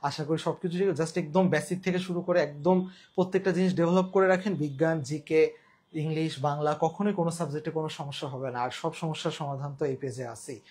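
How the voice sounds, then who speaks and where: A man's voice: fairly high pitch, steady tone, a little fast, darkish tone, husky. A man with a Bangladeshi Bengali accent teaching a live online exam-prep class, repeating key terms and quizzing viewers. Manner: colloquial, mixes in English words.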